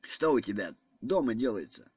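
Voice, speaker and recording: A man voicing an agitated, insistent elderly general in an audiobook reading, speaking in an excitable manner. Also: medium pitch, moderate pace, breathy edge, no room sound, muffled recording. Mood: vexed.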